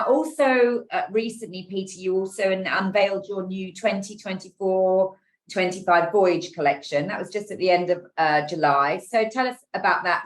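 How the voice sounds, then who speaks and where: A woman from the UK interviewing a cruise executive for a trade publication, chatty and encouraging. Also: on the low side.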